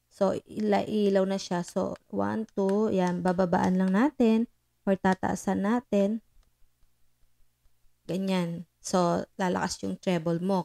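A woman's voice: medium pitch, creaky, darkish tone. Woman vlogger talking into a mic demoing a sound card, chatty and loose, lots of fillers. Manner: chatty, mixes English into Filipino, many fillers. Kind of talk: casual tech demo chat. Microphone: microphone into a sound card.

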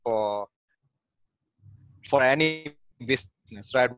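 A real estate investor from Malaysia, in his forties, is interviewed by video call from a home office, using a headset. His medium-pitched voice moves slowly against a noisy background, and he talks casually, with plenty of fillers and restarts.

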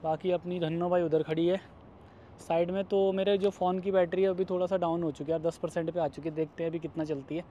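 Fast and steady, his high, mellow voice carries this casual vlog narration by a man in his thirties from India, walking city streets at night with the phone at arm's length. He's chatty and calls viewers "guys" and "brother," and the audio is dull with a little hiss or hum.

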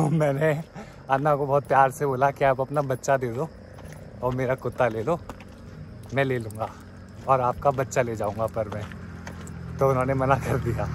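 This is a man vlogging on foot by a roadside and chatting casually to his viewers. His pitch sits in a middle range, and he keeps an easy, talkative tone. Clear outdoor noise and passing vehicles are heard behind him. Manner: chatty, addresses viewers as brothers and guys; talks while walking on foot. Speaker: walking travel vlogger. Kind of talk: casual vlog talk to camera.

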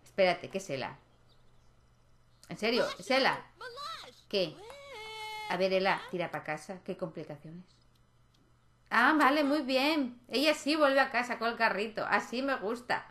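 A young woman chats her way through a life-simulation game, talking straight to her characters. Her voice sits at an ordinary middle pitch. A faint noise runs under the recording. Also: animated, unhurried, pauses often, a bit bright. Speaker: gaming channel host. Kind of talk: casual gameplay commentary.

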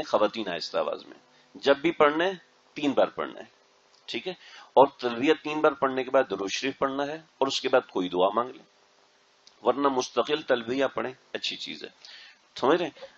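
A man's voice: mid-range voice, husky. A man, a mufti, giving an instructional religious talk to a group of pilgrims and often checking that they understand. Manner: keeps checking the audience understands. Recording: dull lo-fi recording.

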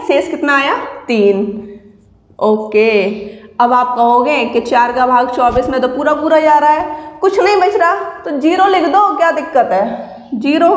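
A woman teacher explaining exam math step by step, patiently asking and answering her own questions. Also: high-pitched. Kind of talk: exam-prep math lesson. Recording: echoey room with long reverb.

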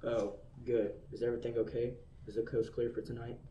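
A man's voice: mid-range voice, little pitch movement, a little fast, dark tone, distant mic, lightly acted, low-quality recording. A boy playing a cold, matter-of-fact hired killer on the phone. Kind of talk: student radio play acting.

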